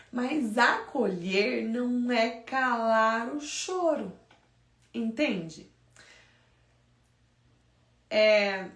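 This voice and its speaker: A woman's voice: on the high side, gravelly, echoey room, recorded from a distance. Emphatic woman giving parenting advice. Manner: emphatic, conversational, animated. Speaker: infant sleep consultant. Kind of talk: direct advice talk to parents.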